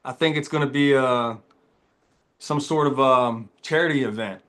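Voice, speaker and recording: A man hosting a casual conversation, relaxed and laid-back, often saying "man" and "dude". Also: mid-range voice, moderate pace. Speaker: podcast host.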